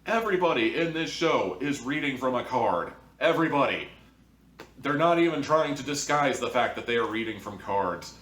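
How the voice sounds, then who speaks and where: A male host reviews audio dramas with strong opinions, sounding exasperated and emphatic. His medium-pitched, fairly bright voice is expressive at a normal pace, recorded far from the mic in an echoey room.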